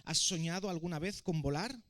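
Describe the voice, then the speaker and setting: Dragón tentador y astuto, masculino, leído por un hombre con acento de España, voz algo aguda; tono persuasivo. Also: male voice, a little high, a little fast, a bit bright, lightly acted. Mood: coaxing. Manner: coaxing, then mocking. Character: sly friendly male dragon tempter.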